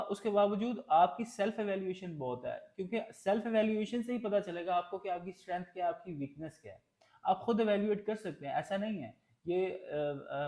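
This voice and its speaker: A male trainer from Pakistan teaching a test-prep lesson in sprinkled with English terms. His voice sits a little high, and he talks plainly, pausing on fillers and restarting words. The recording carries a noticeable room echo. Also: darkish tone. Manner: explains plainly with many fillers and restarts, mixing English into Urdu. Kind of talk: Urdu-English tutorial lesson.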